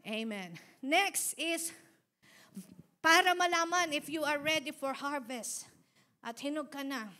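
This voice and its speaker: A middle-aged woman pastor preaching in a mix of Filipino and English, animated, laughing often, moving between loud exhortation and soft asides to the congregation. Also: sits high, slow pace. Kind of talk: Taglish sermon with congregation prompts.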